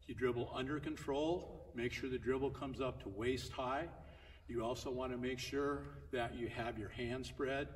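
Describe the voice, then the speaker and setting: A distant camera records an older man coaching basketball in a large indoor gym, his mid-range voice set against slight background noise and a bouncing ball. His talk is plain and repetitive, frequently raised as he dribbles, and the room sounds echoey from that far away.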